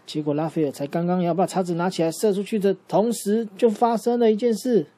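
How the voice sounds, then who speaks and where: A man improvising a bedtime story for a child, lively and asking the listener questions along the way. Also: high-pitched, fast talker.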